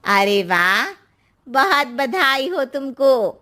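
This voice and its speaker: A woman voicing a gossipy older neighbor aunt who speaks in slow, ominous warnings in a cartoon story. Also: sits high, very animated, sharp tone, heavily acted. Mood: sly.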